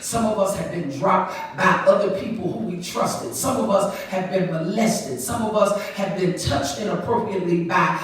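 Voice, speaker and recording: A woman's voice: fairly low pitch, normal speed, hardly any pauses. A woman pastor preaching a conversational sermon, breaking into emphatic call-outs to the congregation. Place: large church sanctuary. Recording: echoey church hall from far off.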